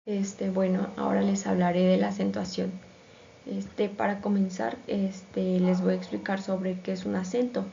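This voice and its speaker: A woman's voice: mid-range voice, level tone, normal speed, vocal fry, mellow, slight background noise. A woman reading a school presentation, hesitant and full of fillers. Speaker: student presenter. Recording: dull lo-fi sound.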